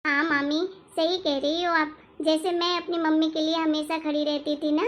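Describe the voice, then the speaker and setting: A woman voicing an eager, cheerful teenage niece in an animated family story. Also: sits high, moderate pace, lightly acted. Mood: lively. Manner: eager, agreeable.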